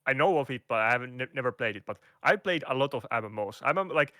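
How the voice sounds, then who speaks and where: In a casual call interview, a Finnish-accented man who is a guest content creator talks fast and expressively at medium pitch, with a bright, forceful voice. He often restarts, uses fillers, hunts for words, and phrases things in a non-native way. The recording is close and dry with no echo.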